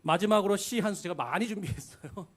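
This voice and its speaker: A man's voice: sits high, fast. A man from Gangwon Province preaching a Sunday sermon in a church, acting out folksy quotes. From Gangwon Province, Korea. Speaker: pastor. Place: church sanctuary.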